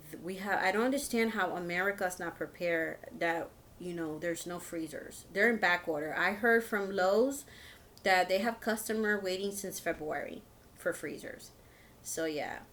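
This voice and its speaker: She speaks with a lowish voice over a slight hiss or hum. A home and shopping channel host in her fifties, she addresses viewers informally, meandering and hesitating as she goes.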